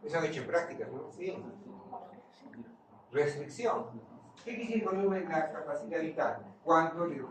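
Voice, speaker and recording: A man's voice: a little high, expressive, normal speed, pauses often. A man giving a physiology lecture, quizzing the class and answering his own questions. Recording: far-off mic in an echoey room, noisy.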